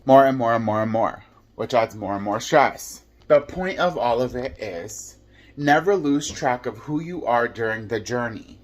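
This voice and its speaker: A man's voice: mid-range voice, animated, a little slow. A man talking to camera in an earnest, reflective way, with casual fillers. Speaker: vlogger. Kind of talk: casual advice monologue.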